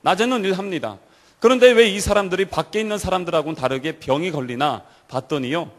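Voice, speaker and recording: A man's voice: high voice, quick pace. A man preaching to a church youth service, telling stories and asking the congregation direct questions. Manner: storytelling, asks the audience direct questions. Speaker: pastor.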